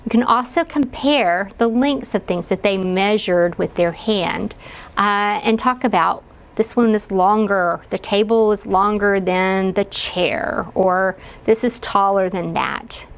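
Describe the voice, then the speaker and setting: A woman educator with a medium-pitched voice speaks slowly as she gives parents instructional guidance, explaining and modeling simple questions as if talking to a young child.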